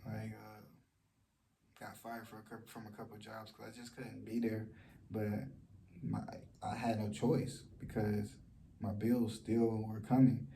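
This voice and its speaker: A soft-spoken man talks low in a personal vlog, halting often and circling back with fillers. His voice sits low, with a gravelly edge. It stays very flat and dark throughout. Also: slight background noise. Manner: speaks softly and low; halting, with many fillers and restarts. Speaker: vlogger. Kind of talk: personal vlog, sharing a story of loss.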